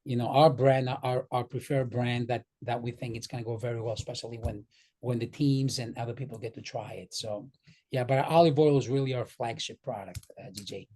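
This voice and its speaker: With a warm, medium-pitched voice, fairly even intonation, and a slightly quick pace, this vendor presents his company in a casual video-call business talk. Of Greek origin and born in New York, he has a slight Greek accent, speaks earnestly about the products, and often repeats words.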